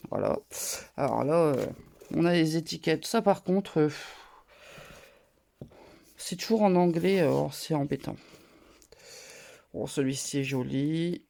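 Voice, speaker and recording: A woman with a head cold, talking through her nose and a bit loudly as she chats casually through a craft haul. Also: deep voice, creaky. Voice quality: nasal. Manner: talks a bit loud, chatty with fillers. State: congested from a cold, nasal. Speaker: scrapbooking vlogger. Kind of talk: casual haul show-and-tell.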